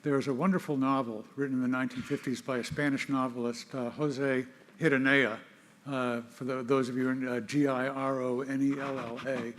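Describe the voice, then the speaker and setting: An older man hosting an interview, speaking in a halting way with many pauses. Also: medium pitch, little pitch movement, fairly bright tone, a little hiss or hum. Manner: halting, many fillers and restarts. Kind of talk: interview host conversation.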